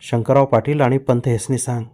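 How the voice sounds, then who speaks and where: A man's voice: mid-range voice, fairly even intonation, a little fast, warm tone, pitched below the performer's own voice, lightly acted. A man voicing a bold village fighter who gives curt, urgent orders. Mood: urgent commanding.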